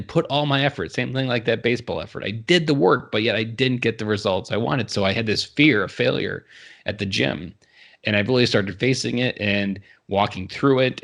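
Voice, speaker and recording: A man's voice: on the low side, fairly bright tone. A man in his thirties, a podcast guest, telling his story in an earnest, reflective way. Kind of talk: casual interview conversation.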